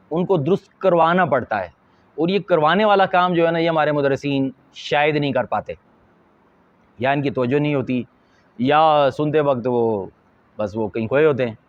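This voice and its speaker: Man, Quran teacher, earnest explanatory tone, slightly high pitch, dull lo-fi audio. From Pakistan. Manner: earnest, explanatory, with slow deliberate emphasis. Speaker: Quran teacher and madrasa supervisor. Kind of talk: instructional talk to teachers.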